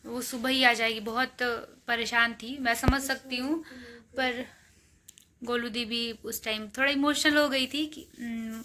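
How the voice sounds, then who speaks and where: A woman vlogger talking casually to her viewers from a hospital and later at home, explaining things step by step, hushed late at night. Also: fairly high pitch. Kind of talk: casual vlog narration. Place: hospital grounds, then home room.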